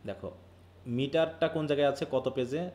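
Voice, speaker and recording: This mid-range male voice is steady and a little mellow, and he talks fast. He's a Bangladeshi teacher running a live online English literature class, breaking things down step by step, mixing in English terms and repeatedly testing his students with questions.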